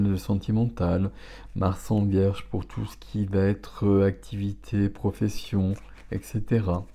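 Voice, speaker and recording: Slow, very deep, mellow man. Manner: relaxed, chatty, exclaims over cards. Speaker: tarot reader. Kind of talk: casual tarot reading.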